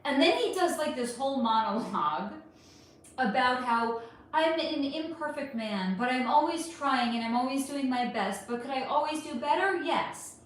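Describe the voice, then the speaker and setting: Animated woman in a very echoey room. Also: high voice, normal speed. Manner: animated, expressive, blunt and swearing. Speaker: spiritual reader and livestream host. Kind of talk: casual livestream storytelling. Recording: very echoey room, faint noise.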